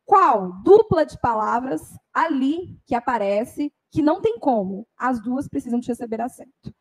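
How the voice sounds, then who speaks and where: High-voiced woman teaching grammar. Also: expressive, moderate pace, a little hiss or hum, rough recording. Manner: explanatory, frequent "tá?" tag questions. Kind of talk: exam-prep grammar lesson.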